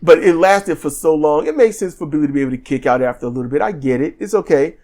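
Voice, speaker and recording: A man's voice: fairly high pitch, quick pace, darkish tone. A man co-hosting a podcast, casually recapping a wrestling show with lots of ums and restarts, acting out what people said. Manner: rambling recap with frequent ums and restarts, acts out quotes. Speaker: podcast co-host. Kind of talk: casual wrestling review chat.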